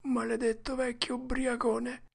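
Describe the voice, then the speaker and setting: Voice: medium pitch, little pitch movement, measured pace, creaky, pitched above the performer's own voice. A storyteller voicing a frightened, superstitious young boy in whispered role-play, with a breathless, trembling whisper. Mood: panicked.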